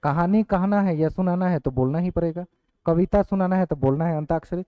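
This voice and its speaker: A fairly high-voiced man teaches an online exam-prep class, dictating points slowly and saying each one twice. The sound is narrow and phone-like. It is very dry. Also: smooth, dry recording.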